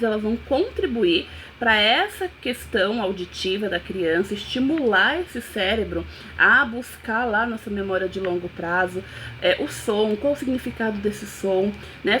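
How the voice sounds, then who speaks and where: A woman's voice: mid-range voice, a bit bright, a little hiss or hum, poor audio. A woman, a neuropsychopedagogue, giving a casual teaching talk with a chatty, explanatory manner. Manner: chatty, explanatory, many "né" fillers.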